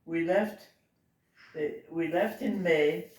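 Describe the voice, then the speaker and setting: A very old woman in her nineties from Belgium, recalling her past informally and haltingly as she searches for words. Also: low voice, a little mellow. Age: 90s. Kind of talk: informal oral reminiscence. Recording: roomy home recording, distant mic, faint noise.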